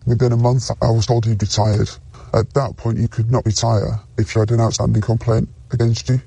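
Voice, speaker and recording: A former senior detective giving a news clip, with the voice electronically altered and deepened to hide their identity. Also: level tone, fairly quick, vocal fry, warm tone, slightly rough. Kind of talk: recorded news clip testimony.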